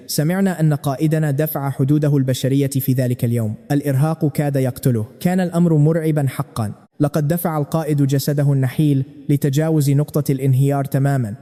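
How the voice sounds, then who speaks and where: Brief: male narrator, fast and dramatic, a touch high, recorded with a long reverb tail. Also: mellow. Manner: dramatic storytelling. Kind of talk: scripted story recap narration.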